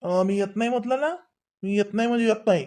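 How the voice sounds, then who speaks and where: A voice actor playing a sulky, stubborn young boy in an animated cartoon. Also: high-pitched, quick pace, lightly acted. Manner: whiny, stubborn, pouting. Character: sulking young boy Tejas, stubborn and whiny.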